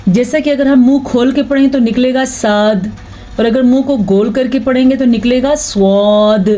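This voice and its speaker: A woman teaching Quran recitation, explaining patiently and reciting verses in a slow chant. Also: sits high, fairly even intonation, warm tone, low-quality recording. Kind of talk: online tajweed lesson.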